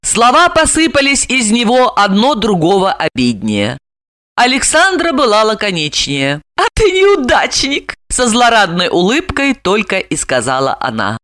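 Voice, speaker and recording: A woman reading an audiobook story aloud in a lively, dramatic storytelling manner. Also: mid-range voice, moderate pace, no room sound, clean studio sound. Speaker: audiobook narrator. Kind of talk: expressive audiobook narration.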